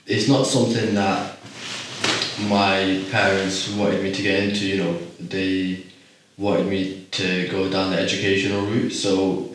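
A man in his twenties, from Iraq, answering interview questions in a measured, reflective way with frequent pauses. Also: low voice, level tone, a little hiss or hum. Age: 20s. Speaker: podcast guest. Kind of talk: casual interview. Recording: echoey room, far from the mic.

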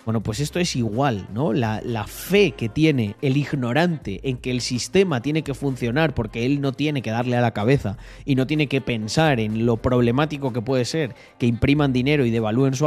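A man's voice: medium pitch, darkish tone. Emphatic Spanish streamer man. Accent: Spain. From Spain. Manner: emphatic, repeats words, swears freely. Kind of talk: casual livestream monologue.

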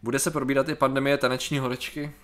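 Man, mid-pitched, sarcastic, joking, casual co-host chat. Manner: sarcastic, joking, animated rants. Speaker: podcast co-host.

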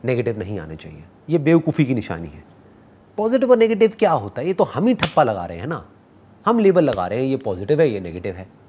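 His pitch is medium with a breathy edge as he motivates a crowd and responds to their questions. He stays animated and playful, teasing listeners and blending English phrases into his Hindi.

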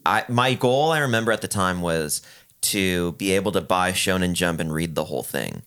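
Brief: relaxed podcast guest, man, 30s, deep and smooth, slightly lazy side-of-mouth delivery. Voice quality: talks out of the side of his mouth, drawn-out vowels. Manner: laid-back, rambling with fillers. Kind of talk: casual chat.

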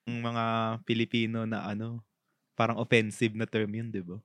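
A man's voice: on the low side, monotone, normal speed, no room sound. Filipino man with dry short remarks. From Philippines. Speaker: podcast co-host. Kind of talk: casual chat.

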